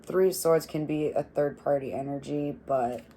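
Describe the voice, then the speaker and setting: A young adult woman giving a casual tarot reading, swearing freely, laughing often and rambling in an animated way. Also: low-pitched, normal speed. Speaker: tarot reader.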